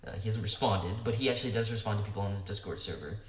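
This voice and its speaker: A young man co-hosts a casual podcast, talking fast in a low voice and often cutting in. He sounds set back from the mic in an echoey room, with a faint hiss behind him. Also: distant mic. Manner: fast, interrupting chatter. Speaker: podcast co-host. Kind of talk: casual chat.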